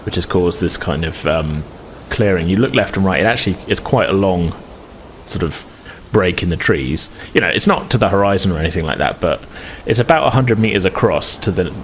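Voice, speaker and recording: Running a tabletop game, a game master improvises his descriptions and often searches for the right word. He has a low-pitched voice and a moderate pace, with clear background noise in the recording.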